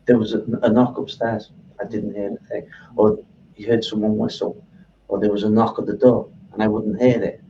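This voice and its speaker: A man's voice: on the low side, little pitch movement, moderate pace, mellow, far from the mic, highs cut off, slight background noise. A man speaking as a guest in a casual interview, hesitant and often repeating his words.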